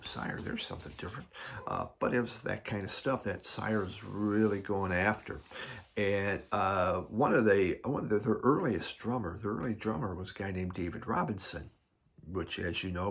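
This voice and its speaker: A man's voice: lowish voice, gravelly, a bit bright, breathy edge. A man hosting a record collecting video, chatting casually and rambling with lots of fillers as he reviews albums. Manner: rambling, filler-heavy, enthusiastic about records. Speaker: record collector vlog host.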